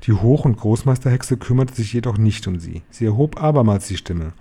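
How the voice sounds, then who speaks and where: A man calmly reading a children's novel aloud as first-person narrator. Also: on the low side, a little fast, breathy edge. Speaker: reader.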